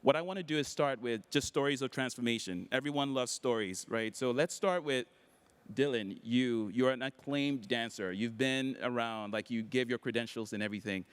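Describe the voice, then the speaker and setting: A man moderating a conference panel in a relaxed, upbeat way, with many fillers. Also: medium pitch, moderate pace, clear, resonant tone. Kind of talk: casual panel talk. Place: conference hall.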